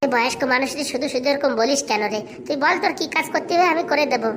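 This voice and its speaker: A woman's voice: high voice, racing, a crowd in the background. A woman voicing a mild, hapless young husband in a family cartoon, speaking in a placating manner. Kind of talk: cartoon voice acting.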